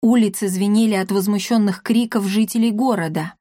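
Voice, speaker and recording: A woman narrating a children's audiobook in a measured storytelling manner. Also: mid-range voice, fairly even intonation, dark tone, no room sound, studio quality. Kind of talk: scripted narration.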